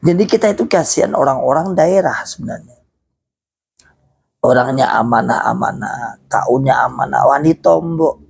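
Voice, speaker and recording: Hoarse man preaching. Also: mid-range voice, moderate pace, long pauses, a little mellow. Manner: fervent, urging, repetitive. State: hoarse, recovering from illness. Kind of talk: preaching talk to followers.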